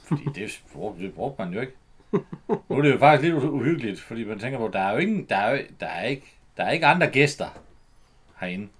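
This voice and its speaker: A man's voice: mid-range voice, sing-song, husky. A man chatting casually about an old film, explaining background details at length.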